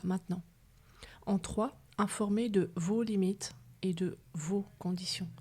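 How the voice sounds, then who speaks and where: A woman hosting a podcast, giving calm, measured advice in a partly read talk, softly spoken in places. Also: medium pitch. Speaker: podcast host.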